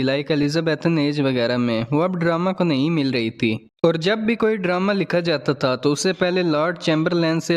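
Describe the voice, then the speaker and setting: A man lecturing in a steady, explanatory way, defining each term and then restating it in simpler words. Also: a little high. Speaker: teacher. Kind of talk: scripted lecture narration.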